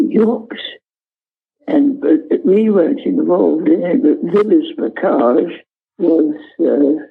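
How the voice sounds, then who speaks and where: Halting, husky old veteran, remembering. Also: male voice, on the high side, narrow, tinny audio. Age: elderly, 90s. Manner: understated, matter-of-fact. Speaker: war veteran being interviewed. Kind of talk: unscripted interview reminiscence.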